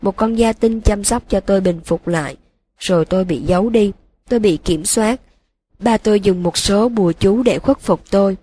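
A broken young male dark wizard, read by a woman, confesses in a flat, emotionless monotone. The voice sounds husky and breathy. He sits at a middle pitch in a storybook audiobook. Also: normal speed, natural voice. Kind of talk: audiobook reading.

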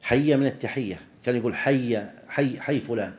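A man in a lesson, explaining a text point by point in an average-pitched voice. He slows down to spell out examples and repeats key phrases. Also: a little mellow, echoey room, slight background noise. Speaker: teacher of Islamic jurisprudence. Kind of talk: lesson commentary on a read text.

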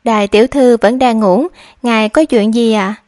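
A woman's voice: on the high side, steady tone, normal speed, warm tone, dry recording, clean studio sound, close to an everyday voice. A woman voicing a timid, dutiful young maidservant who speaks in a flustered, polite way.

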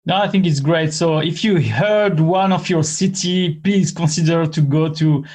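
Higher-voiced man hosting, non-native English. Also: unhurried, darkish tone. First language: not English. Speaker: interview host. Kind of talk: conversational interviewing.

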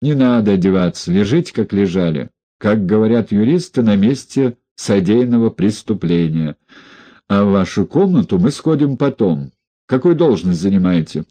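A man's voice: on the low side, animated, normal speed, mellow. A man voicing a stern, contemptuous party inspector who lectures and mocks coldly, reading a story aloud. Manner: stern, cold, mocking.

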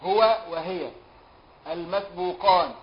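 High-voiced Egyptian sheikh chanting lesson verses. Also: male voice. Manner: chants verses slowly, then quizzes students in colloquial speech. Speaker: sheikh teaching a religious law text. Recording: dull lo-fi lecture recording with faint hiss.

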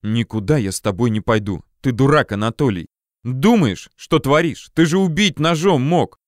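A man reading an audiobook voices a spirited, caring young woman, speaking livelier and higher than his narration. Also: lively intonation, moderate pace, dry recording, studio quality, natural voice. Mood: scolding.

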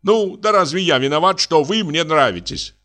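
A man playing a blunt, hot-tempered middle-aged landowner, blustering and halting, as in an audiobook drama reading. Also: on the high side, animated, pushed and bright, voice pushed up. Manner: blustering, halting, self-mocking.

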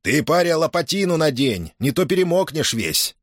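Male reader as blunt poor cossack, raised pitch, dry read. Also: big pitch swings, moderate pace, dry recording. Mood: reproachful. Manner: blunt, plain-spoken. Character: poor but fair cossack man, blunt and indignant.

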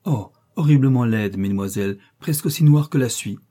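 A man's voice: medium pitch, a little fast, mellow, lightly acted. A man voicing a hesitant, deferential male servant in a storybook reading.

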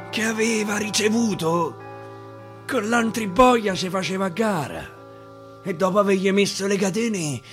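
In a radio studio, an actor with a high-sitting, fairly bright voice dramatically recites dialect verse, musing and repeating phrases for emphasis, with guitar accompanying him throughout.

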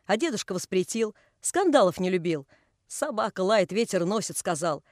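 A woman's voice: medium pitch, animated, normal speed, close to an everyday voice. An old, devout carpenter, played by a woman chides in a homely, folksy way and spins long stories of the old days. The voice is close and dry with no room echo, in a storybook reading. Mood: reminiscing. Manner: folksy, chiding. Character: pious old male carpenter, scolding, storytelling.

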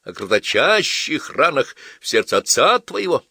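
A drunken father sermonizes in slow, grand phrases, voiced by a man reading a storybook. His tone swings widely and rings bright. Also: on the high side, very animated, creaky, slightly rough, dry recording, studio quality, pitched above the performer's own voice, heavily acted. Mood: drunk, solemn. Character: drunken, philosophizing middle-aged father.

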